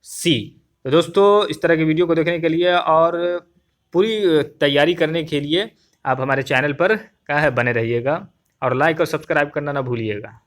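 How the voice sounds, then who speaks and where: Male online tutor, young adult, higher-pitched; brisk, repetitive answer walkthrough addressing viewers as friends. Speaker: teacher.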